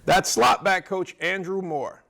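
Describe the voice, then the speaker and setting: A man from New Orleans hosting a college football show, interviewing coaches and players in a relaxed, chatty way. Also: sits high, unhurried, vocal fry, heavy background noise. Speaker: show host. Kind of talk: casual sports interview.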